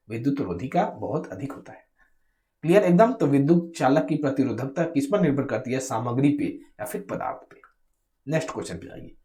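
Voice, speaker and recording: A man's voice: fairly high pitch, mellow. Man repeating questions as he teaches. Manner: repetitive, keeps asking rhetorical questions then answering; addresses viewers directly in a coaching tone. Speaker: exam coaching teacher. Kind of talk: exam question walkthrough lesson.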